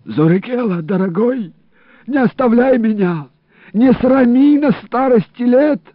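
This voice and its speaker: A man voicing a groaning, wounded old man who pleads and curses in a high wailing voice. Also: lively intonation, unhurried, no room sound, exaggerated voice. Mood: pleading. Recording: dry, phone-like narrow sound.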